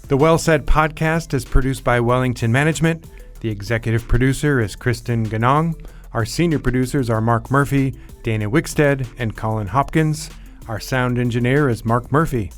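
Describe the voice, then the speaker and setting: A man hosting a podcast interview in the smooth, friendly manner of a moderator. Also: medium pitch, moderate pace, soft background music. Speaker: podcast host.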